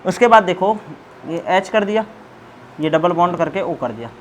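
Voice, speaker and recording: A man's voice: sits high, lively intonation, normal speed, a little hiss or hum, rough recording. A man teaching a chemistry class in a classroom, asking students questions and repeating the answers. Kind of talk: classroom lecture.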